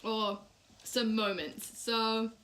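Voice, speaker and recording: Bright, high-voiced young woman chatting on a live stream. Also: steady tone, drawn-out words. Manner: chatty, eats snacks while talking. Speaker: YouTuber and English teacher in Japan. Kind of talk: casual live-stream chat.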